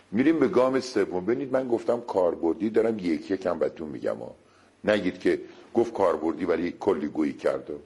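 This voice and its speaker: A man giving a talk on negotiation, speaking straight to his listeners and turning to them often. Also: breathy edge. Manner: lively, shifting pitch, speaks directly to listeners. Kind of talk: lecture-style talk.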